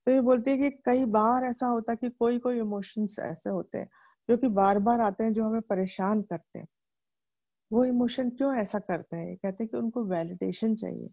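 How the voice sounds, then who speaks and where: A woman's voice: a little high, normal speed, creaky, warm tone. A middle-aged Indian woman explaining a self-help book to her viewers in a chatty way, asking and answering her own questions.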